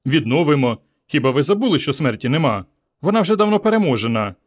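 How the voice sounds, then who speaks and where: A man voicing a calm, earnest young woman from the future in a storybook reading, bewildered by old words. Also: on the high side, fast talker. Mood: earnest, puzzled.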